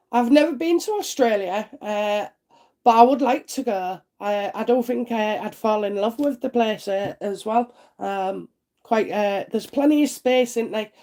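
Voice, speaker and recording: Her voice is high with a darkish tone, and a head cold leaves her congested. Streaming live as a psychic reader, she answers viewer comments in a warm, chatty, homely way, with frequent "uh" fillers and the question "isn't it?"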